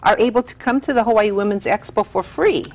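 A middle-aged woman, owner of a tea room, eagerly promoting her business in a TV studio interview, speaking with some halting restarts. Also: medium pitch. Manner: eager, upbeat, somewhat halting. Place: TV studio set.

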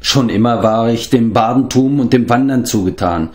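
A man's voice: mid-range voice, normal speed, lightly acted. A man reading aloud and voicing a boastful, hapless former king turned wandering bard who rambles and corrects himself. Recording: roomy echo.

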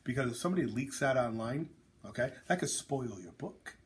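A man's voice: mid-range voice, expressive, a little fast. A man, an author hosting a casual chat, talking bluntly and jokingly with lots of fillers and tangents. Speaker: author and host.

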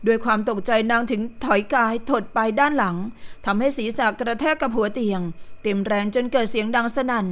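A woman narrating a period romance novel as an audiobook in a steady, even storytelling manner. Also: fairly high pitch.

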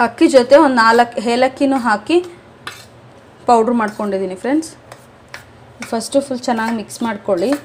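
A woman's voice: fairly high pitch, brisk, long pauses. A woman hosting a home cooking video, giving step-by-step instructions in a chatty way and calling her viewers friends. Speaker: cooking channel host. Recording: faint background noise.

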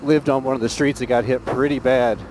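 A man's voice: medium pitch, steady tone, brisk, darkish tone. A man narrating a casual motovlog as he rides, speaking from inside his helmet. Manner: talking from inside a motorcycle helmet while riding. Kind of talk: casual vlog narration while riding. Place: on a motorcycle on a highway, outdoors. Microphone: mic inside a helmet. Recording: noisy helmet mic, clear road noise. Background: vehicle and road noise.

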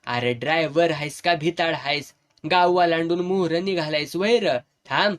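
A man's voice: on the high side, normal speed, a bit bright, lightly acted. A man voicing a fierce, defiant village woman in a serialized audiobook, speaking rural Satara Marathi dialect in harsh, commanding bursts. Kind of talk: audiobook character voice.

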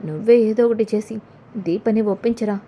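A woman's voice: mid-range voice, brisk, dark tone, breathy edge, lightly acted. A woman voicing a middle-aged mother in a retold serial, coaxing her son in a fond way.

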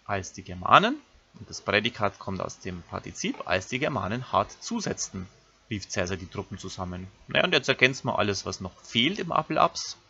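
A man's voice: fairly low pitch, very animated, a little fast, bright, forceful tone, highs cut off. A man, a teacher giving a recorded grammar lesson, who explains step by step and speaks directly to his pupils. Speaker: Latin teacher.

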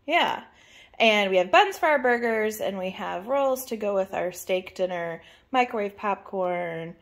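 A woman's voice: medium pitch, lively intonation, unhurried, vocal fry. A woman co-hosting a casual grocery haul in a home kitchen, chatty and filling in with lots of "um"s as she lists the items. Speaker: channel co-host.

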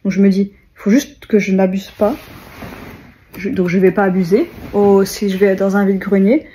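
A woman's voice: mid-range voice, level tone, moderate pace, dark tone, a little hiss or hum. A young woman, chatting casually to viewers in a rambling vlog, with many fillers and restarts. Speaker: vlogger.

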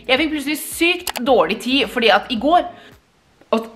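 A young woman from Norway chatting casually in a vlog, animated and tossing in English words, with hiccups. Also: high voice. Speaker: vlogger.

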